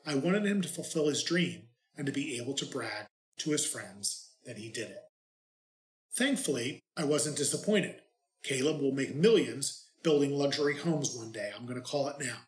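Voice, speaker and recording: Male priest for readings and homily; deliberate, measured delivery, recorded with strong room echo. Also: mid-range voice, lively intonation. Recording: echoey, reverberant room.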